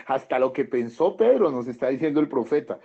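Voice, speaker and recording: This pastor, a man with a mellow, medium-pitched voice that has a breathy edge, speaks with a Colombian Spanish accent. Preaching a sermon in a church hall, he reads passages aloud and follows each with commentary, chuckles and questions. The recording is dull and lo-fi.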